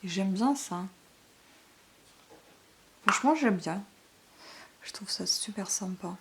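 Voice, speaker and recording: A woman vlogger chatting casually through a beauty unboxing, full of fillers and little tag questions, sometimes dropping to a soft half-whisper. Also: mid-range voice, expressive, takes it slowly. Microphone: camera microphone.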